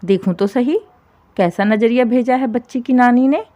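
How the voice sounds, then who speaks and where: A shrill, taunting older mother-in-law, as a woman storyteller puts her on, her voice pushed up high and loud. She nags and complains with a grasping, sharp tongue, like a figure in a spoken family drama storybook. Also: moderate pace, muffled recording, lightly acted. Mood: grudging.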